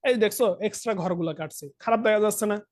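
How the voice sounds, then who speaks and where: A man's voice: sits high, racing, a little mellow. A young man with a Bangladeshi Bengali accent, teaching an accounting lesson online. He talks straight to his students and keeps asking whether they follow. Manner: talks directly to students, asks frequent check questions. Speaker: accounting tutor. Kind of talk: online lesson, explaining while writing on a tablet.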